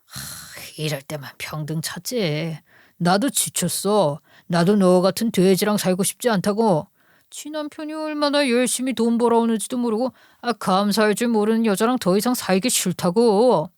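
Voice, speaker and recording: A woman's voice: mid-range voice, normal speed, a little mellow, no room sound, clean studio sound, lightly acted. A woman voicing a middle-aged cheating husband who sneers and blames his wife. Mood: scornful. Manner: sneering, contemptuous.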